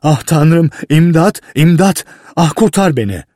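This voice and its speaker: A man voicing a frightened young male apprentice who pleads in panic, in a husky voice, in a read-aloud story. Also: fairly high pitch, animated, a little slow, mellow, dry recording, clean studio sound, voice pushed up. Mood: panicked. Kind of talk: audiobook reading.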